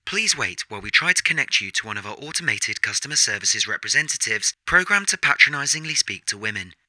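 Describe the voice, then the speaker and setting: A man voicing a smug automated phone menu for a comedy sketch, sounding flat and patronizing. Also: mid-range voice, fast talker, no echo. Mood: mock polite.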